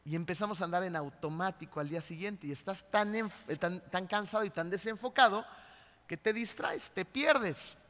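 A man with a Mexican Spanish accent and a bright, fairly high voice preaches a sermon, telling a personal story in a lively way and often checking in with the congregation. He speaks fairly quickly with hardly any pauses, and the long reverb of a large hall rings around him.

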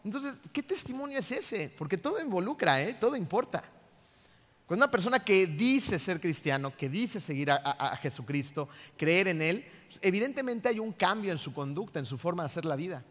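A man, a pastor preaching a lively sermon in a church, constantly throwing rhetorical questions at the congregation. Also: sits high, brisk. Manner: animated, asks the congregation many rhetorical questions. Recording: reverberant church hall.

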